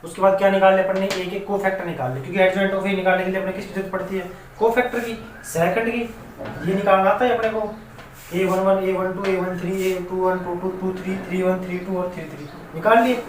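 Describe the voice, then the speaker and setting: A man's voice: sits high, steady tone, a little fast. A man with a Rajasthani Hindi accent teaching a maths lesson, often asking the students whether they have understood. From India. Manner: repeatedly checks students' understanding. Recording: echoey room, mic at a distance, faint noise.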